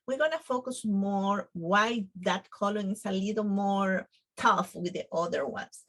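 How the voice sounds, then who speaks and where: A middle-aged woman from Latin America teaches Spanish in unhurried, careful English with a Latin American Spanish accent. She mixes English and Spanish and checks in with listeners often. Her voice sits at an ordinary middle pitch. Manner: slow and careful, with frequent ums and "okay?" check-ins; switches between English and Spanish, laughing often. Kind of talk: casual video lesson. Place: home filming.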